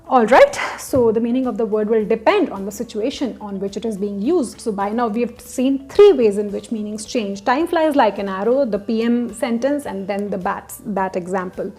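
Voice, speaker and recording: A woman giving an explanatory lecture as a literature teacher, repeating example sentences with shifting stress and pausing often on hesitant fillers. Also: a little high, darkish tone, husky, soft background music.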